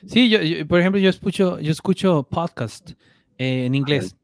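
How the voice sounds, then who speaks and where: A man's voice: fairly high pitch, normal speed, gravelly, no room sound. Mexican man telling stories, dry sound. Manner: lively storyteller, repeats words while thinking. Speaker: guest, opera tenor. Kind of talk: casual interview chat.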